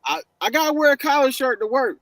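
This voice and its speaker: A man guesting on a livestream, talking in an animated, encouraging way about building yourself up. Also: very high voice, quick pace, no echo, poor audio. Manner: lively, animated, preachy encouragement. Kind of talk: casual livestream chat.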